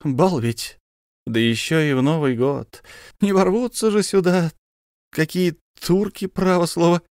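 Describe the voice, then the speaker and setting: A cautious military officer picks his words slowly and politely, in a somewhat raised voice, as a male narrator plays him. The audiobook sound is dry and close. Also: a little high, darkish tone, no echo, voice pushed up, natural voice. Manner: careful, hesitant, old-fashioned politeness.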